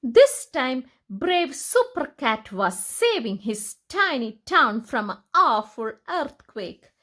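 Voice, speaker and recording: A woman with a high-pitched voice reads picture books aloud to young children. Her storytelling is expressive and deliberate.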